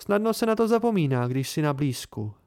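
A gentle, playful young woman with a soft lilt speaks in a raised, smooth voice, as a male amateur audiobook reader puts her on. She sounds a little weary, and her tone stays tender. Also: a little high, big pitch swings.

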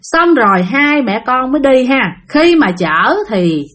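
A woman's voice: high voice, sing-song, unhurried, a bit bright. Chatty Southern Vietnamese woman storyteller. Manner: chatty, addresses listeners directly. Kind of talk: spoken ghost-story narration.

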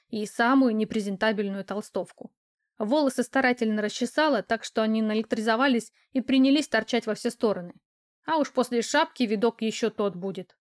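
A woman narrating a first-person novel as an audiobook, in a lively, ironic storytelling manner. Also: fairly high pitch.

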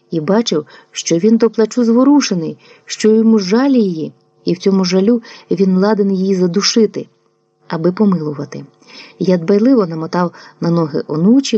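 A woman reads literary prose for an audiobook in a calm, measured storytelling voice. Her tone is low and mellow. The recording is dry and somewhat dull and lo-fi. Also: breathy edge, no echo. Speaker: audiobook narrator.

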